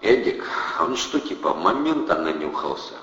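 A man's voice: low voice, moderate pace, echoey room, big-room sound, lo-fi sound. A man doing a curt menacing tough. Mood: stern. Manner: curt, flat, commanding.

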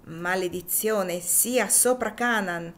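A woman's voice: medium pitch, slow pace, fairly bright tone. Woman reading as a grave preaching clergyman. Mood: solemn. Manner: solemn, preaching. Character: grave male clergyman, solemn.

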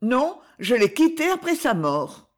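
A woman voicing a timid, polite young woman who is a poor relative, speaking softly and hesitantly in a storybook reading. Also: high-pitched, sing-song, a little slow, voice pushed up. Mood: shy polite.

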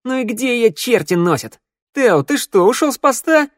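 A scrappy young woman thief with a sharp tongue and a shrill, high voice that jumps up loudly, as a male narrator puts her on. She scolds and mocks everyone around her in an audiobook scene, with a dry, close sound. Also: expressive, normal speed, no echo. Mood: scolding.

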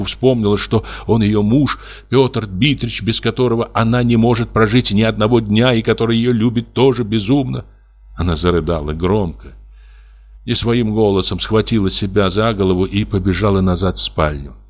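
A man with a lowish voice reads classic fiction aloud at an even, measured pace. His narration is expressive, with the mood carried by his delivery. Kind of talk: audiobook reading of classic fiction.

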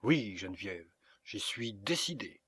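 Un homme qui fait parler un jeune paysan naïf et sérieux dans un livre audio. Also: male voice, medium pitch, a little slow, no room sound, natural voice. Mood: solemn. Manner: earnest, solemn, naive. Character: naive earnest young country man.

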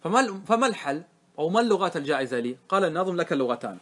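A man teaching a classroom grammar lesson, explaining step by step and often asking his listeners if it is clear. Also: on the high side, big pitch swings, racing, fairly bright tone. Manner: asks the class questions and answers them himself.

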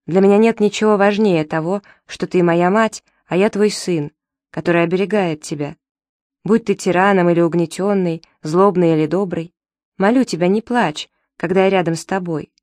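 A woman's voice: on the low side, a little mellow, no room sound, studio quality, natural voice. A woman reading the part of a desperate young man who pleads urgently with his mother.

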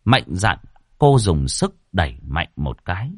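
A male storyteller reading a ghost story in a low, lively voice that swoops up and down. He slows down for the suspenseful moments, recorded close and dry with no room sound. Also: dry recording.

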